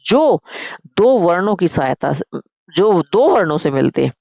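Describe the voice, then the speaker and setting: Woman teacher, lively pitch, patient classroom drill, dull lo-fi dry recording. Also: measured pace, vocal fry, dry recording. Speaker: Sanskrit teacher. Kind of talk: teaching a grammar lesson.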